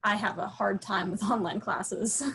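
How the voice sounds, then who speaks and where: A woman runs a casual video call and keeps it moving briskly. A faint noise sits behind her voice. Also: mid-range voice, steady tone, gravelly. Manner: brisk, moderating. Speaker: meeting host.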